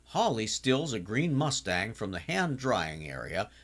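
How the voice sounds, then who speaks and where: A man in his sixties recapping a TV episode in a chatty, casual way, now and then breaking into animated exclamations. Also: on the low side, unhurried. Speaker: TV series reviewer.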